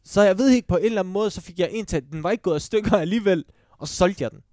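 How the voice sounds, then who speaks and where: A man's voice: high voice, a little mellow, dry recording, studio quality. Rambling man in his twenties. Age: 20s. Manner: rambling, keeps checking in with the listener. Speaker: podcast co-host. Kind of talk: casual chat.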